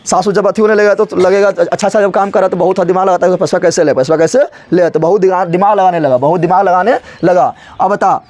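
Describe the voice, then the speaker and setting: A man's voice: sits high, a little mellow, no echo. A male teacher, explaining a story to his class and repeating his own questions before answering them.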